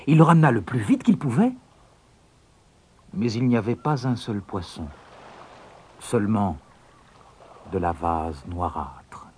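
Expressive male storybook narrator. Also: mid-range voice, slight background noise. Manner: expressive, builds suspense.

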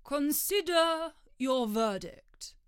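A woman voicing a pompous, impatient male king who slowly hands down stern orders at a trial. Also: sits high, animated, dry recording, clean studio sound, pitched above the performer's own voice, exaggerated voice. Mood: commanding. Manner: slow, stern pronouncements.

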